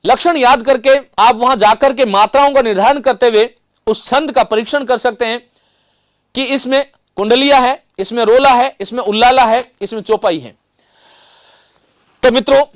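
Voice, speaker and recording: A middle-aged male teacher giving a classroom lecture, explaining carefully and slowly sounding out examples with frequent reminders to pay attention. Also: very high-pitched, dry recording.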